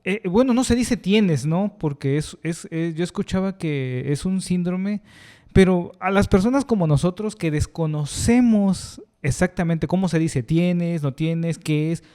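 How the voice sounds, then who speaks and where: Man, podcast host, mellow voice, a bit high, halting with fillers. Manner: halting, filler-heavy questions. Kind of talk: casual interview talk.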